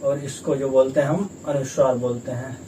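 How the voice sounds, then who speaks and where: Teacher explaining slowly from across room. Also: male voice, medium pitch, fairly even intonation, warm tone. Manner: patient, repetitive explaining, sounds out letters slowly. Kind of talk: grammar lesson at a board. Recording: distant mic with faint room noise.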